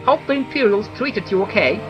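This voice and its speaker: Game villager: male performer as a chatty, nervous christmas-elf type, high-pitched and very animated, music behind. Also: fairly quick, dull audio. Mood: aggrieved, fretful. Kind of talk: video game character read aloud.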